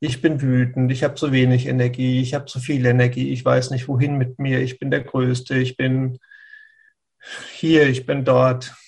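In a flat, gravelly voice of medium pitch and somewhat dark tone, a man in the role of spiritual teacher works slowly through a listener's question, stopping and restarting along the way.

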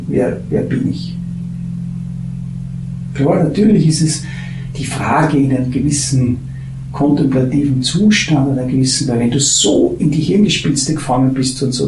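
Gravelly man musing in an echoey room. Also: medium pitch, background noise. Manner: halting, searching for words, drifts from soft murmurs to animated bursts. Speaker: spiritual teacher. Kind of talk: meandering spiritual talk. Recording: echoey room with faint ambience.

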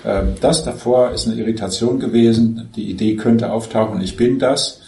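Calm low-voiced man teaching, roomy echo. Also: moderate pace. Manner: patient, explaining step by step. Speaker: spiritual teacher. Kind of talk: spiritual dialogue on self-inquiry.

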